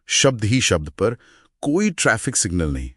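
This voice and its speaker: A man co-hosting an explanatory podcast, telling stories and asking lively questions. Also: lowish voice, moderate pace, husky, no room sound, studio quality. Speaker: podcast co-host.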